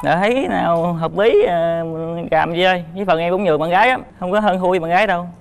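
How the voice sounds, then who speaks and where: A man in his twenties from Ben Tre, a dating show contestant, speaking nervously and haltingly. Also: high-pitched, vocal fry, clean tone. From Ben Tre, Vietnam. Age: 20s. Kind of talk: casual TV conversation.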